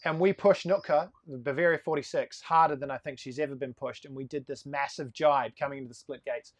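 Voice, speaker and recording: A man of about forty, a sailing charter boss talking as a guest in a casual live-stream interview, a lively storyteller who talks in quick bursts. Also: medium pitch, dry recording.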